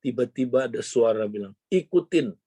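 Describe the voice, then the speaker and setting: A male pastor telling a story in a sermon, his voice leaping up on exclamations and dropping low when he turns to the congregation. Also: a little slow, a little mellow, dry recording. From Indonesia.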